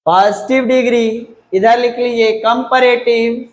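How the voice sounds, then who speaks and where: A man teaching a grammar lesson to a class. He talks slowly and repeats key words, spells them out letter by letter and keeps checking whether the class understood. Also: very high-pitched, steady tone. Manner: slow, repeats and spells words out, asks "clear?". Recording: echoey room.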